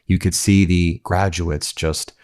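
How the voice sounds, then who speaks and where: A man's voice: low-pitched, level tone, takes it slowly, a little mellow. A man hosting political commentary, talking in an indignant, incredulous way.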